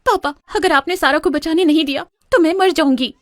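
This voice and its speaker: Pleading young daughter, high. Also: female voice, fairly quick, dry recording, studio quality. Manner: pleading, earnest. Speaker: narrator and daughter. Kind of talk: Hindi dub of a drama series.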